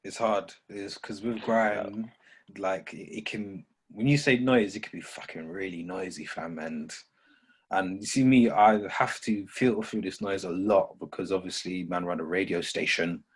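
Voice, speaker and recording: Husky man, low and slangy. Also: normal speed. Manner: slangy, opinionated. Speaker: radio station operator on a podcast. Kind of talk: casual music discussion.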